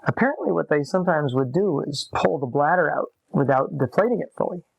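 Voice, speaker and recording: The recording is muffled with no room sound, capturing a fairly high-pitched man's voice with lively intonation and vocal fry. He's a scratchy-voiced Massachusetts musician in his late forties, interviewed at a desk in an upstairs apartment room, relaxedly and unhurriedly recounting his life with reflective pauses.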